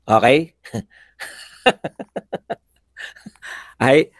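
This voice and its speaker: A man's voice: mid-range voice, big pitch swings, drawn-out words, no room sound, clean studio sound. A man hosting a live political commentary show, chatty, laughing often and firing rhetorical questions at viewers.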